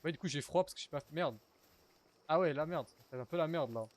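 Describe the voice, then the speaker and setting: Slightly high and a little fast, this man's voice belongs to a young gaming streamer. He plays a survival game live, talking casually with his audience and cursing occasionally. The talk is relaxed gameplay commentary.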